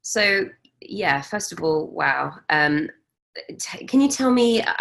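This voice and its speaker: A woman's voice: lowish voice, lively intonation, takes it slowly, vocal fry. Chatty English woman hosting a live interview. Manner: chatty, laughs often, warm reactions. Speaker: host. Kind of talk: casual live-stream interview.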